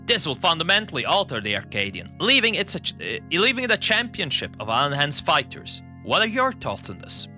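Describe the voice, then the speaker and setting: A man reading out a pompous arena announcer from a game in a formal, quick manner. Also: on the high side, wildly swooping pitch, bright, forceful tone, faint music behind, heavily acted.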